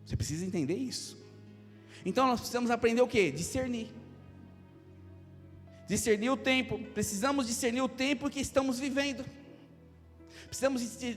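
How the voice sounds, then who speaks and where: High-voiced Brazilian pastor preaching. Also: male voice. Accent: Brazilian Portuguese. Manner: lively preaching with jokes and acted asides. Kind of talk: sermon. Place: church hall. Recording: long hall reverb, faint music.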